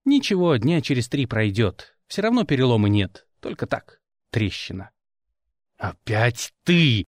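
A man's voice: medium pitch, huge pitch swings, moderate pace, a little mellow, no echo. A man reading a first-person audiobook with dry, wry storytelling. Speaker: audiobook narrator.

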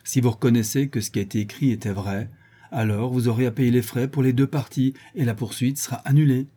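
A man's voice: medium pitch, steady tone, brisk, mellow, husky, natural voice. A man reading a French audiobook, voicing a relentless middle-aged country lawyer in hammering cross-examination. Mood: stern.

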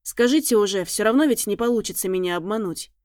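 A woman voicing a blunt, teasing male tracker and bodyguard with a husky low voice in an audiobook. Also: expressive, fast talker, darkish tone, dry recording, clean studio sound, close to an everyday voice. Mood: insistent. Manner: teasing, frank, mocking.

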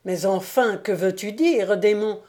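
A woman's voice: mid-range voice, a little slow, a little mellow, lightly acted. A woman doing an earnest, anxious young knight.

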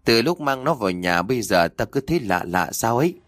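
A man's voice: medium pitch, sing-song, a little fast, a bit bright, no echo. A man voicing a hot-tempered middle-aged gang boss who curses and scolds his underling. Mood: uneasy. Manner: cursing, scolding, bossy.

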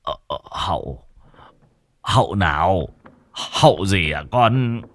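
A man's voice: low voice, animated, slow, no room sound. A man voicing a frightened middle-aged father who falters and pleads.

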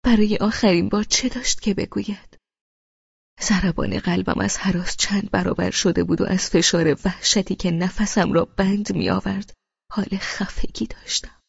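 A woman's voice: medium pitch, gravelly, darkish tone, slightly rough, no room sound, lo-fi sound. A woman narrating a novel in the first person as an audiobook, with an anxious, intense manner that slips into whispers. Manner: anxious, intense inner monologue, slipping into whispers.

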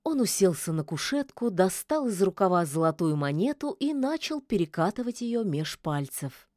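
A woman reading a fairy-tale audiobook in a measured storytelling voice. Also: lowish voice, big pitch swings, warm tone, dry recording, studio quality. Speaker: narrator.

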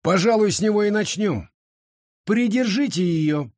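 A man's voice: high voice, animated, a little mellow, no room sound, clean studio sound, pitched above the performer's own voice. A man voicing a stern, methodical male captain who questions an accused witch with cool authority, in a storybook reading. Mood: commanding. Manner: coolly authoritative, measured.

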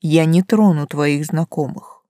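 A woman voicing a sly male forest spirit who teases in a calm, quietly menacing way. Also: low voice, a little slow, dry recording, clean studio sound. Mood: teasing.

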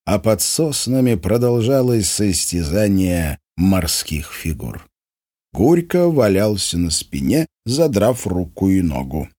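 A man narrating an audiobook in a wry, expressive way. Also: deep voice, slow, slightly rough.

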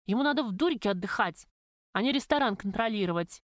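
Woman doing an indignant shouting young waitress. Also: medium pitch, expressive, fast, dry recording, studio quality, lightly acted. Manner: indignant, raised voice. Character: loud bitter young woman, waitress coworker.

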